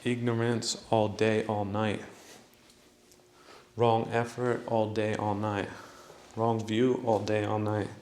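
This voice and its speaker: A man's voice: mid-range voice, darkish tone, reverberant. A man hosting a podcast, giving a mocking, preachy spiritual monologue that he breaks up with laughs. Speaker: podcast host.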